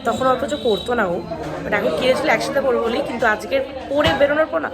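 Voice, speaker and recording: A young woman chatting casually as a vlogger, excitable and talkative. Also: high voice, fast, over a noisy crowd. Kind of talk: casual vlog narration. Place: family home and outings.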